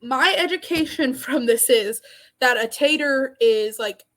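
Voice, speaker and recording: A woman co-hosting a casual podcast chat over an online call, giggly, blunt and excitable. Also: sits high, measured pace. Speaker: podcast co-host.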